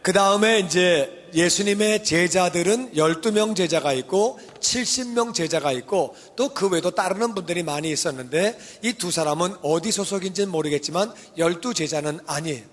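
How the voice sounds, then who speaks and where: A man preaching a sermon as pastor, lively and colloquial, repeating emphatic refrains. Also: high voice, normal speed, hardly any pauses. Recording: long church reverb.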